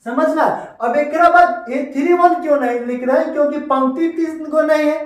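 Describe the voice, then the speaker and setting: A man's voice: very high voice, normal speed. A man with a Bihari Hindi accent teaching a maths lesson, repeating steps and voicing his students' questions back to them. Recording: echoey room, voice from far off.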